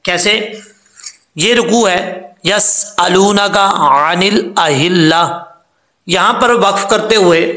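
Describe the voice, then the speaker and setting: A man explains recitation rules step by step, stopping to draw out example words slowly. His voice sits high and bright, with a gravelly edge. The room around him rings with echo. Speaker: Quran recitation teacher. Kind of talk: tajweed lesson.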